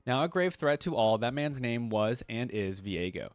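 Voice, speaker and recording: Here a man hosts an easygoing reaction video, reading out lore at a moderate pace and commenting on it conversationally as he goes. His mid-range voice is animated, and the recording is dry.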